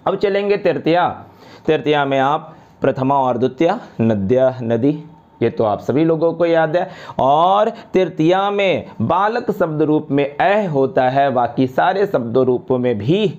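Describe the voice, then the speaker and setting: A man teaches grammar to a class, talking straight to the students and spelling out each word form at a very slow, deliberate pace. He repeats the endings over and over so they stick. The recording sounds a little dull and lo-fi. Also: mid-range voice, darkish tone. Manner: slow, drawn-out recitation of word forms.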